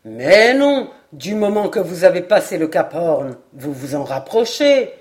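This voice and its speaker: Glenarvan, a woman doing a calm, low-voiced Scottish lord. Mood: teasing. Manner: calm, deliberate, teasingly serious. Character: composed Scottish lord, dry-humored ship owner.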